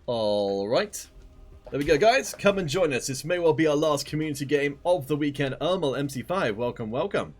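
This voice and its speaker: A man's voice: on the high side, expressive, moderate pace, faint music behind. A man casting a live esports stream, chatting upbeat and directly to viewers. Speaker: esports caster.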